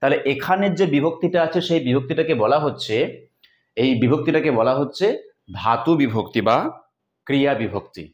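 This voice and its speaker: A man's voice: medium pitch, lively intonation, a little fast. A male Bengali grammar teacher explaining rules step by step, repeating key points in a classroom lesson. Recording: echoey room sound.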